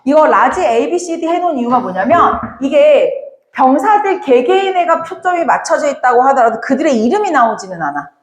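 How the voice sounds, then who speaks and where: A woman teaching a Korean literature class, lively and talking straight to her students, now and then acting out the characters' lines. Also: high-pitched, normal speed, echoey room. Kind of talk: classroom lecture.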